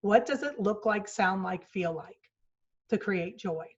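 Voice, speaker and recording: A woman's voice: mid-range voice, a little slow, highs cut off. A woman in her forties giving a motivational talk, earnest and storytelling, acting out quoted lines with changes in tone. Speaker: speaker at a virtual retreat. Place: home office. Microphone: video call mic.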